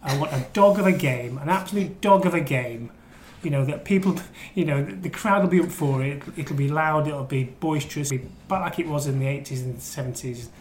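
A man with a higher-pitched voice talks briskly, barely pausing, as a podcast guest who works as a crime reporter. His football talk is casual and rambling, full of teasing and repetition. The echoey room also picks up faint background noise.

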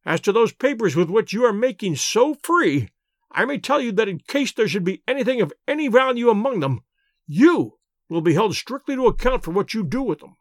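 A man reading an audiobook, voicing a querulous, stingy little old nobleman with a sharp, crackling voice and a quick, intense, scolding manner. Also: sits high, sing-song, no echo, clean studio sound, voice pushed up. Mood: irate, miserly. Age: older. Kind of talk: audiobook character voice.

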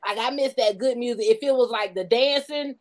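A woman's voice: fairly high pitch, brisk, darkish tone, poor audio. A woman in her forties hosting a casual interview, outspoken and joking, laughing often. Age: 40s. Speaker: host.

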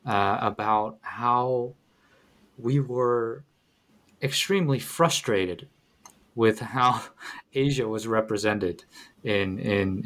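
A middle-aged Dutch man with a Dutch accent, speaking as a researcher and book editor in an academic interview, hesitant with many fillers and restarts. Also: fairly low pitch. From Netherlands.

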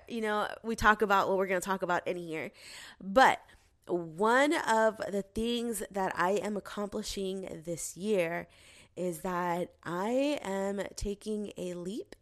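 A woman in her thirties hosting her own podcast, chatting in a bubbly, excitable way while congested. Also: mid-range voice. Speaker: podcast host. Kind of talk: casual solo podcast talk.

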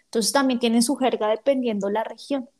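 A woman in a casual podcast chat, calmly explaining and firmly making her point. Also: a little high, a little fast.

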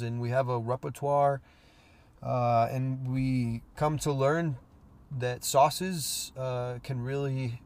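A man's voice: mid-range voice, a little mellow. A man hosting a casual solo podcast about cooking, sounding stuffy from a cold and rambling with many fillers. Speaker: podcast host, cook.

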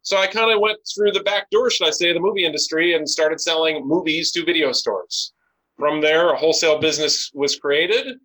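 A man's voice: a little high, brisk, bright, forceful tone, low-quality recording. A man in his forties answering interview questions, telling long stories and listing things off as he goes. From United States. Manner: rambling storyteller, lists things off. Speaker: podcast guest, business owner.

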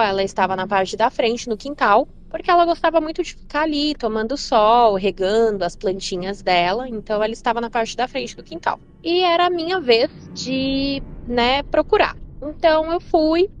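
A woman telling a personal story about a frightening childhood moment, earnest, with frequent fillers and repetition. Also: a little high. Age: adult. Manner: earnest, repeats herself with many fillers. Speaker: listener sharing a personal story.

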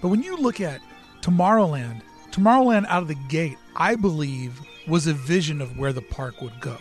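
Higher-voiced male host over music. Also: lively intonation, moderate pace. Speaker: show host. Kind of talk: scripted commentary and casual interview chat.

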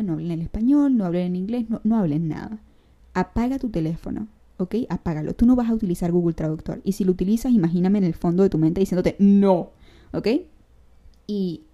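A young woman with a Venezuelan accent talks straight to her listeners in a casual solo podcast, sprinkling in slang as she gives advice. Her voice is deeply mellow and dark, sitting at an ordinary pitch for a woman. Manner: chatty, direct, addresses the listener with advice. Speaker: podcast host.

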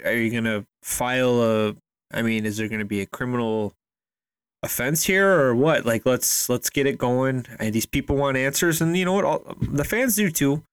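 A man talks sports casually as a podcast co-host. He is blunt and emphatic, with colloquial phrasing and a middle-range pitch. The recording is dry and free of room sound. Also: moderate pace, clear, resonant tone, dry recording. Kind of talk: casual opinionated sports chat.

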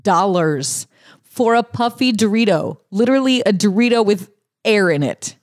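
A woman co-hosting a casual podcast chat, telling stories in a chatty, animated way. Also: mid-range voice, moderate pace, no room sound, studio quality. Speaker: podcast co-host.

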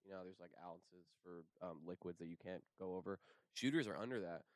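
Young guy shooting the breeze w friends, lowish clean voice, dry sound, lots of slang n cussing. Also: fairly quick, no room sound. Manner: profane, slangy, animated storytelling. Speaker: screenwriter. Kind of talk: casual chat among friends.

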